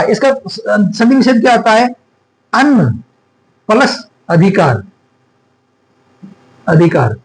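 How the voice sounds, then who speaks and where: A man teaching an exam-prep grammar lesson, slowly repeating and dictating words for students to write. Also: high voice, low-quality recording.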